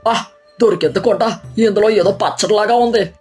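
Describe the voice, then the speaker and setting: Over soft background music, a woman with a natural, mid-range voice speaks at normal speed as she plays a greedy, boastful middle-aged husband who is miserly. The character schemes, grumbling at first and then yelling.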